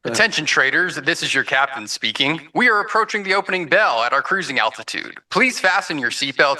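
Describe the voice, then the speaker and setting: A man doing an airline captain over the intercom. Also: on the high side. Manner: smooth, formal announcer delivery. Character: male airline captain giving a cabin announcement. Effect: over an airplane intercom. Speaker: trading show cohost. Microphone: prerecorded in production. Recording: bright distant prerecorded clip.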